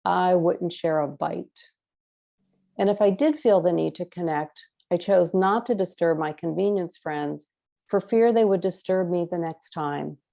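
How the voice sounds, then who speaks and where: A middle-aged woman reading her own nonfiction essay aloud in an earnest, measured way with emotional emphasis. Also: fairly low pitch, vocal fry, mellow. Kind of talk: first-person reading.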